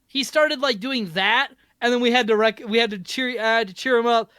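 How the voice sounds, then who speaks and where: A man's voice: very high-pitched, brisk, pushed and bright, clear, resonant tone, no room sound, studio quality. A man co-hosting a podcast, telling stories in casual chat, rambling and correcting himself as he goes. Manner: rambling storytelling with frequent laughs and self-corrections. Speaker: podcast co-host.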